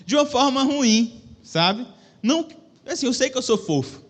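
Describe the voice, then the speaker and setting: A young man with a Brazilian accent giving a relaxed, joking sermon in a church hall, speaking into a microphone and asking the audience questions. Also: extremely high pitch, normal speed, a little hiss or hum. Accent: Brazilian Portuguese. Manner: chatty, joking, self-deprecating, addresses the audience with questions. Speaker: preacher. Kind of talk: casual conversational sermon. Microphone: microphone with a stage monitor.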